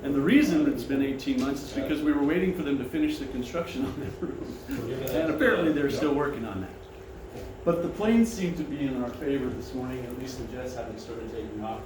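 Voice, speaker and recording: A male seminar presenter with a big, carrying voice talks to a seated audience in an animated, fairly quick manner, with a mid-range pitch. Chatty, welcoming, and conversational, he invites questions; the recording comes from a distance in a reverberant dining room with background noise.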